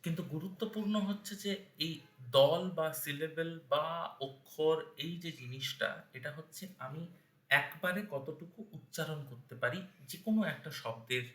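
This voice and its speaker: A man's voice: on the high side, moderate pace, pushed and bright, echoey room. A man giving a spoken lesson on verse meter, patiently breaking words into syllables one by one. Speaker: teacher of Bengali verse meter.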